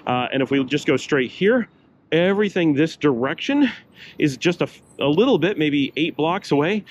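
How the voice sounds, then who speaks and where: A man's voice: medium pitch, a little hiss or hum. A middle-aged man vlogging a walking tour on a city sidewalk, talking to a handheld camera in a chatty, meandering way with fillers. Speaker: travel vlogger. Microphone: handheld camera at arm's length.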